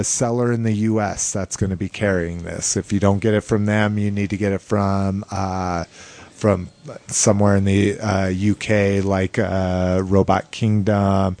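Low-voiced man hosting casually. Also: creaky, a little mellow. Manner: informal, sweary. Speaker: podcast host. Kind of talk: casual toy news chat.

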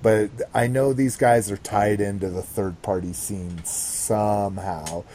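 Male hobby podcaster, low and slow, casual, rambling, sweary. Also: steady tone, warm tone. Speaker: podcast host.

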